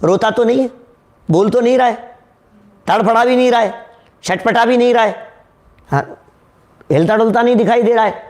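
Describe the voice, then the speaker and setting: A man giving a devotional sermon, asking his listeners questions and sometimes singing verses slowly. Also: very high voice, darkish tone. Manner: rhetorical, questions the audience, sings verses slowly. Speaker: Jain preacher.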